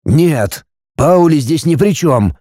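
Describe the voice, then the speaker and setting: A man reading a novel aloud and voicing a driven, stubborn male scientist with a calm, reassuring manner. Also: on the high side, takes it slowly, dry recording, studio quality, voice pushed up. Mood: persuasive, reassuring. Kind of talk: audiobook character reading.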